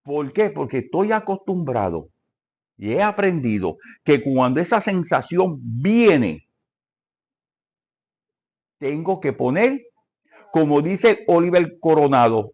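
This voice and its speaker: A man's voice: on the high side, a little mellow. An older man teaching a church Bible lesson, asking the congregation questions and calling for amens.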